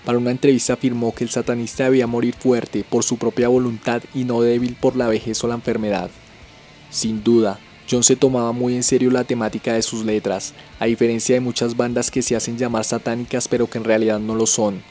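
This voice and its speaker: A man giving a scripted documentary narration as a channel host, in an even, measured storytelling delivery. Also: medium pitch, faint music behind.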